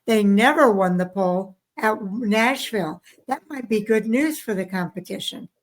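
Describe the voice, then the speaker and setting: A woman's voice: medium pitch, normal speed. A woman co-hosting a racing podcast, reading statistics in a tired, casual way. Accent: Southern American. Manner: tired, yawning. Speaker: podcast co-host. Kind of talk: reading race stats in casual chat.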